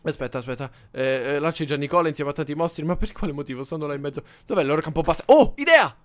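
A man's voice: a little high, steady tone, racing. A young man hosting a Minecraft roleplay video, dramatic and bossy as he leads his friend through the game. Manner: dramatic, bossy, playfully insulting. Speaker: gaming channel host. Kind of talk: excitable Minecraft roleplay commentary.

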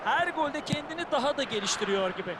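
Loud noise sits behind a male football analyst with a high-pitched voice. He co-commentates, passing opinionated judgement on the players and the run of play. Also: lively intonation, quick pace.

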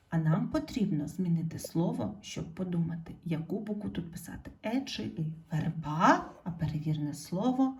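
A woman teaching a primary school spelling lesson. She speaks slowly and clearly, calls out example words loudly and drops almost to a whisper when stating the rule. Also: fairly low pitch. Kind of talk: slow, clear classroom explanation.

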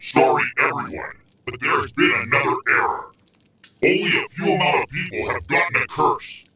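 A man's voice: fairly high pitch, expressive, normal speed, sharp tone. A man as heavily echoing game system announcer. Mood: impersonal, ominous. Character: impersonal game System announcer handing out curses. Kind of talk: scripted announcements. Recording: very echoey, distant, noisy with clicks.

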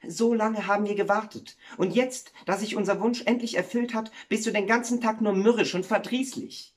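An earnest miller's wife from a storybook tale, as a male narrator puts her on, her voice lifted higher than his own. She speaks with lively swings of pitch. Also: normal speed. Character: miller's wife, warm-hearted woman.

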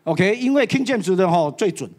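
A church elder preaching a sermon to a live audience, animated and slipping English phrases into his talk. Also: sits high, moderate pace.

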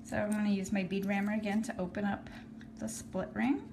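A woman walks viewers through a hands-on craft project in an easygoing, practical way. Her voice sits at an ordinary middle pitch. A phone camera above her table records her, with a clear hiss of background noise. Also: little pitch movement, a little fast. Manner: friendly and practical, talking while working with her hands. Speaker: craft tutorial host. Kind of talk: casual step-by-step craft tutorial. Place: indoors at a table. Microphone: phone camera filming hands from above.

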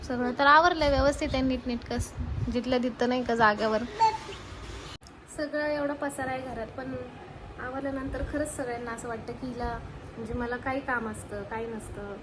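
A woman's voice: a little high, fairly even intonation, normal speed. A young woman and mother talking casually on her home vlog, chatty, venting to the camera and coaxing her toddler. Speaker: mother and family vlogger. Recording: home recording with background noise.

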